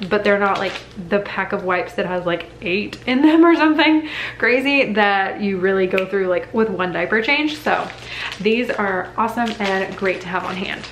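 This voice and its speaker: Bubbly chatty young mom vlogger. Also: female voice, medium pitch. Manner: bubbly, enthusiastic, chatty with many likes. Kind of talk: casual haul chat to camera. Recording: echoey room with faint background hum.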